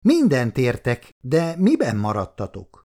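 A man reading an audiobook, voicing an impatient male boss who rushes his questions and sounds slightly irritable. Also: mid-range voice, wildly swooping pitch, warm tone.

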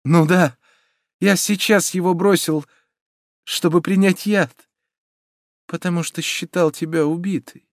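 A man's voice: high voice, fairly even intonation, a little slow, pauses often, no room sound, studio quality, pitched above the performer's own voice. A man doing a trembling, grief-stricken young prince. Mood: trembling, anguished.

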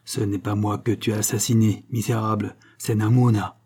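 This is a proud young woman speaking with bitter contempt, as a male audiobook reader puts her on. The voice stays low and dark. It barely moves away from the reader's own husky tone. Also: flat delivery, normal speed. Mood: scornful.

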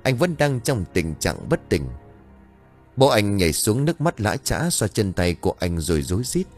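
A man reads a story aloud with a lower-pitched voice that rises and falls freely. He narrates from a script with plenty of expression. Faint music plays softly behind him. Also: very animated, normal speed. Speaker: audiobook narrator.

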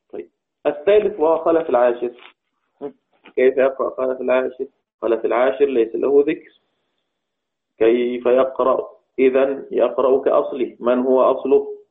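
Man teaching over tinny phone-like audio. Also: mid-range voice. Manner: poses questions to students and answers them himself; slows down to recite verse lines. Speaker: teacher of Quranic readings. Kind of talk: classroom lecture.

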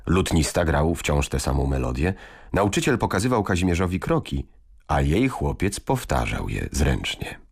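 A man reading a historical novel aloud in calm, measured narration. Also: extremely low pitch, gravelly, husky. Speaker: audiobook reader.

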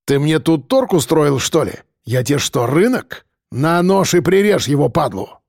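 A man's voice: fairly high pitch, expressive, moderate pace, creaky, a little mellow, no echo. Brutal male convict ringleader voiced by a man, coarse and domineering; dry audiobook read. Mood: mocking. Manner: coarse, barking slang threats.

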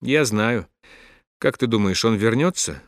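A man reading a sharp-tongued, scornful young woman in an audiobook. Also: fairly low pitch, expressive, a little slow, no echo, studio quality. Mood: cold, wary. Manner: cutting and blunt.

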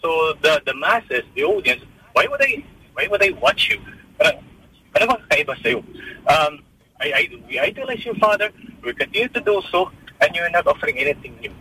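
A man with a Filipino accent calling in to a radio show over a speakerphone line, halting and full of ums as he gives his opinion. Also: fairly high pitch, huge pitch swings, pushed and bright, breathy edge, poor audio. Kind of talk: opinionated call-in comment.

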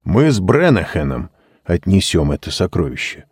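A man voicing an eager, excitable village man who exclaims loudly. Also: deep voice, normal speed, slightly rough, no room sound, clean studio sound, heavily acted.

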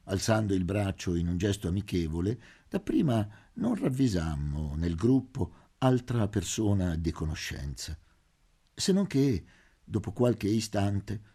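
A man reading a literary novel aloud as an audiobook narrator, in a measured, expressive way. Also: low-pitched, slightly rough. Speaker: audiobook reader.

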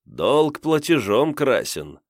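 A man voicing a calm, menacing male captor who speaks slowly and mockingly. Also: mid-range voice, no room sound, clean studio sound, pitched above the performer's own voice. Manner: slow, drawling and mocking.

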